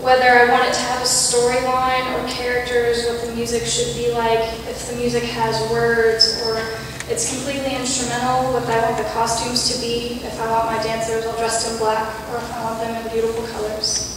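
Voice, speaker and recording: A young woman with a fairly high voice, a youth speaker, delivers a prepared reflection from a church pulpit, earnest and measured with a few self-deprecating asides. Picked up by a pulpit mic with the camera far off, the echoey church hall adds long sanctuary reverb and a steady room hum.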